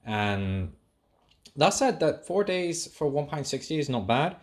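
A man's voice: fairly high pitch, big pitch swings, unhurried. A young British man talking casually in a rambling, self-correcting video diary at home. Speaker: fitness vlogger.

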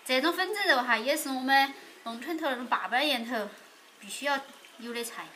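Young female cooking vlogger, Sichuan dialect, fairly high voice, casual chat, noisy outdoor kitchen recording. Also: lively intonation, a little fast, bright, forceful tone. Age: young adult. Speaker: cooking vlog host. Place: open-air village kitchen.

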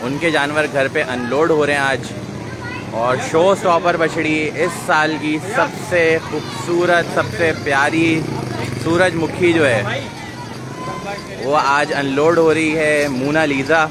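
A fairly high-voiced man from Pakistan hosts an outdoor livestream on a city street, talking slowly with fairly even intonation as he describes the scene. Chatty, he greets viewers by name and keeps repeating "mashallah." Busy street noise and crowd chatter fill the background.

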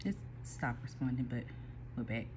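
Filmed on a phone pointed at a computer screen in an ordinary room, this casual tutorial has a print shop owner walking through a software workflow one step at a time. The mid-pitched voice is easygoing, a little mellow, with lively intonation, stopping and starting as it goes over a faint hum.

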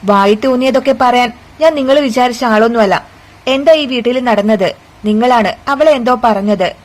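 A woman's voice: fairly high pitch, moderate pace, a little mellow, natural voice, rough recording. A woman voicing a protective young husband who insistently demands answers. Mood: demanding. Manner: insistent, questioning.

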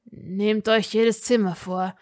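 A woman voicing a cold aristocratic father who speaks calmly and measuredly, with quiet threat. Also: medium pitch, lightly acted. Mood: cool. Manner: calm, measured, coolly threatening. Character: cold aristocratic older father, calm and controlled.

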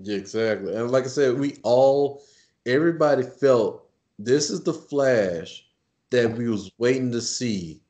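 A man's voice: medium pitch, animated, measured pace, a little mellow. A man co-hosting a casual podcast chat, loose and emphatic, repeating words as he builds his point. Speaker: podcast co-host.

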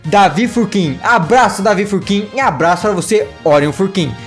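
A man's voice: high voice, normal speed, faint music behind. A man with a Brazilian Portuguese accent, hosting a playful gaming vlog for kids, exclamatory and full of repeated catchphrases. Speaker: gaming YouTuber.

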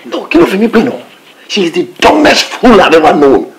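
A man's voice: fairly low pitch, animated, normal speed, low-quality recording. An actor playing a scheming young man who mixes Yoruba and English. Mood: scheming, sharp. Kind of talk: Nollywood film acting.

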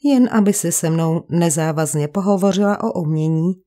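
In an audiobook, a woman with a fairly low, dark voice close to her everyday one reads the lines of a frail, refined male painter of about thirty. She gives him a tone of cultured resignation.

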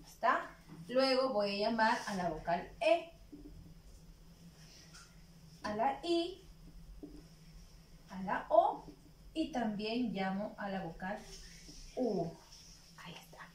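A woman from Peru teaching a phonics lesson to preschool children, drawing out each syllable slowly and asking them simple questions. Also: a little high, very animated. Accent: Peruvian Spanish. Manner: slow, drawn-out syllables, questions to young children. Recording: echoey room with faint noise.

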